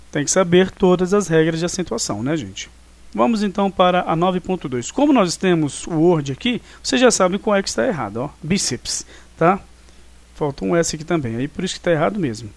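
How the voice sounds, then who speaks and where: Brazilian guy teaching a review class, kinda high voice, dry close mic, keeps saying né and tá. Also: no echo. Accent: Brazilian Portuguese. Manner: explanatory, frequent "né?" and "tá?" check-ins. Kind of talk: recorded online class review.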